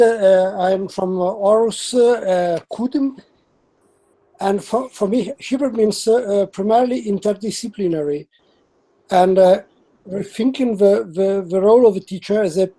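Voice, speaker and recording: A man's voice: high voice, warm tone, rough recording. Hesitant man with an Italian accent. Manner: hesitant, many fillers and restarts. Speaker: workshop participant. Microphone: video call.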